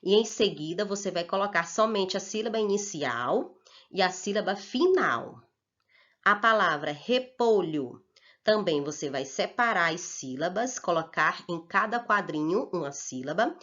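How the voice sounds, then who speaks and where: A woman teacher gives slow, patient worksheet instructions to children, speaking deliberately and checking in with "ok?" Her voice sits on the low side, expressive with a fairly bright tone, on a dull lo-fi recording.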